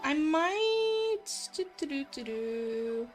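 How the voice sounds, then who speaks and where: Very slowly and in a sing-song high voice, a visual novel writer thinks aloud on a casual livestream as she codes and reads viewer comments. Music plays behind her while she rambles informally, giggles, mutters as she works, and sounds a bit self-conscious.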